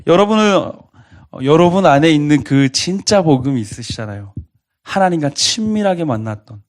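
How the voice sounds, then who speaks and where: A man pastor preaching a sermon to a college congregation, earnestly asking them repeated questions. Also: mid-range voice.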